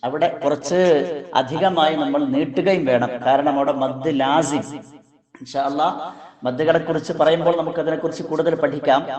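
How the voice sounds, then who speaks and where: A man with a Kerala Malayalam accent teaching Quran recitation, explaining sounds slowly and chanting verses in a drawn-out melody. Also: fairly high pitch, fairly even intonation, a little mellow, roomy sound, highs cut off. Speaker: Islamic teacher.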